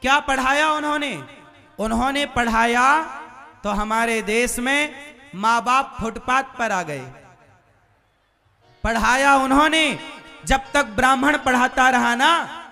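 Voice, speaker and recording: A man's voice: very high voice, slow pace, creaky, long pauses, bright, forceful tone, faint music behind. A man preaching to a live audience, asking rhetorical questions and quizzing the crowd. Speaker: religious preacher.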